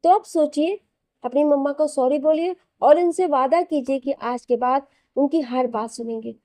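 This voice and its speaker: A woman voicing a kind young wife who speaks softly and affectionately. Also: high voice, moderate pace, no room sound, studio quality, lightly acted. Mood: gentle coaxing. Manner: soft, affectionate coaxing. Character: gentle young wife, kind and soft-spoken.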